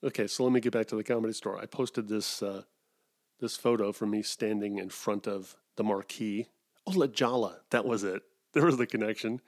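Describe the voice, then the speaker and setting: A man's voice: on the low side, moderate pace. Rambling middle-aged man podcasting solo. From Wisconsin. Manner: digressive, self-mocking, with put-on voices. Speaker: podcast host.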